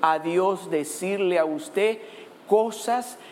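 High-voiced man preaching in a reverberant hall. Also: slow. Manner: animated, acts out quoted voices. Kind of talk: sermon.

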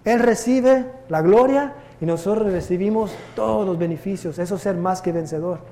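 Man preaching, high voice, long church reverb, storytelling. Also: normal speed. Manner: lively storytelling preacher, switching between Spanish and English. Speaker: pastor. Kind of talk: bilingual Sunday sermon with anecdotes. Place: church sanctuary.

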